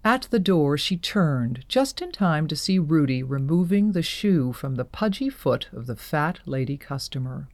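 A woman narrating an audio drama in a measured storytelling manner. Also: low-pitched, lively intonation, darkish tone, a little hiss or hum.

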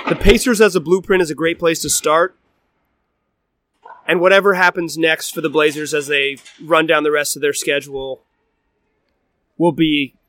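A man hosting a basketball podcast, talking in a chatty, self-deprecating way with animated emphasis, and reading an ad. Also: a little high. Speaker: podcast host. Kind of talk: sports podcast commentary and ad read.

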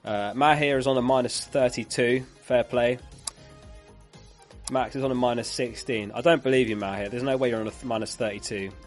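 This man speaks briskly in a mid-range voice with fairly even intonation while faint music plays behind him. He's losing his voice as he hosts a live fantasy football stream, chatting, reading viewer comments and sharing laughs.

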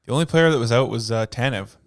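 A man's voice: mid-range voice, fast talker. Man co-host laughing through hockey talk. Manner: explains and corrects, laughs often. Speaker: podcast co-host. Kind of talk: casual sports chat.

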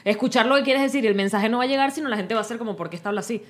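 Fast-talking Venezuelan woman co-host. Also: on the high side. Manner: rapid, joking storyteller who mimics people. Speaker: podcast co-host. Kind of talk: casual podcast chat.

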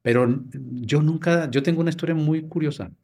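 A man's voice: on the high side, brisk, gravelly, a little mellow, husky. A Mexican man in his fifties, a podcast guest telling family stories in casual conversation and acting out old dialogues. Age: 50s. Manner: storytelling, reenacts family dialogue. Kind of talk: casual interview chat.

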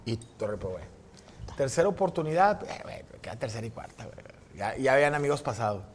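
A man from Monterrey, a podcast host telling a story in casual, profane, animated talk and acting out other people's lines. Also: medium pitch, quick pace, a little hiss or hum. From Monterrey, Mexico.

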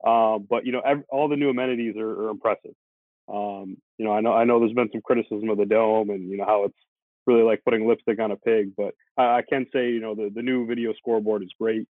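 A man's voice: lowish voice, fairly even intonation, quick pace, dry recording. An easygoing man from the Syracuse area chats as a sports reporter guest, filling his sentences with hedges. His voice comes through a narrow, tinny phone line. The sound is dry and close, with no room around it. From Syracuse, New York area, USA. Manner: easygoing, talks it through with many hedging fillers. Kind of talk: casual podcast chat.

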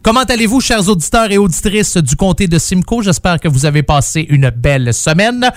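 A man's voice: high voice, animated, fairly quick, no echo, clean studio sound. A man hosting a rock radio show, chatting casually and jokingly, rambling with many fillers. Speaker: morning radio host.

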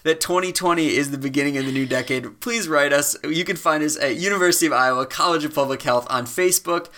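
A young man co-hosting a casual podcast from a studio, talking in a relaxed, halting way with fillers. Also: on the high side. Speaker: podcast co-host.

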